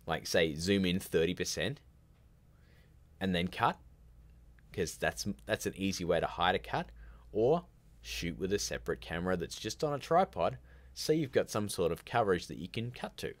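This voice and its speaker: Hosting a filmmaking show's livestream, a man with a deep voice runs an informal Q&A, rambling between answers, speaking his mind and tossing in jokes. His tone is sing-song at a moderate pace, captured in a dry recording with little space around the voice.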